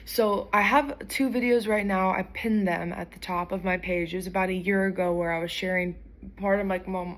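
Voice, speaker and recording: Woman with a lowish voice talking to her followers, casual, kinda searching for words. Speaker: vlogger sharing a conversion testimony. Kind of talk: casual talking-to-camera testimony.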